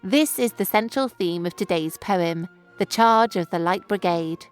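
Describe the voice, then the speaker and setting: A woman, explaining a poem clearly and engagingly in a scripted tutorial. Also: lowish voice, a little slow, faint music behind. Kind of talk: scripted educational narration.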